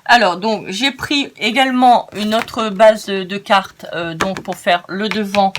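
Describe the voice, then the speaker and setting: A woman's voice: medium pitch, measured pace. Tired, chatty northern French woman crafter. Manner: chatty, rambling, many hesitations, laughs at herself. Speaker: crafting tutorial host. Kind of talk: casual step-by-step craft tutorial.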